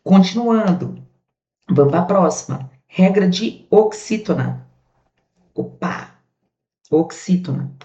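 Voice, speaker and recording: A Brazilian woman teaching a grammar lesson in a chatty, lively way, drawing out the words she stresses. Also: on the low side, slow pace, long pauses. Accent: Brazilian Portuguese. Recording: muffled, echoey room.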